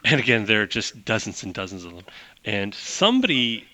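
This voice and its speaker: Male game master, chatty rambling narration, bright forceful voice. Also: on the low side, sing-song, a little fast. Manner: rambling, chuckling asides.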